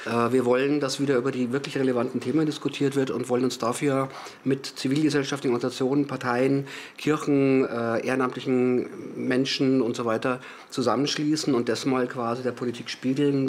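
A man's voice: mid-range voice, a little mellow. A man from a volunteer initiative giving an earnest, explanatory interview statement. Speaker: initiative member.

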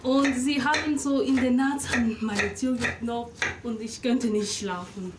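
A woman from the Democratic Republic of the Congo, speaking halting non-native German in a casual chat in a shared flat kitchen. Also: on the high side, very noisy. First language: not German. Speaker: flatmate interviewed. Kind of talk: casual conversation. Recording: kitchen clatter behind.

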